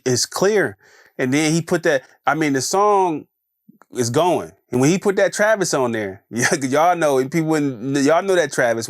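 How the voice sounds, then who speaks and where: A man's voice: a little high, no echo. A man talks through his views in a loose, chatty podcast monologue. He circles back on phrases and keeps checking in with the listener. The sound is dry and close, with no room around it. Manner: conversational, repeats phrases, frequent "you know what I'm saying". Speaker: podcast host. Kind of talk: casual solo commentary.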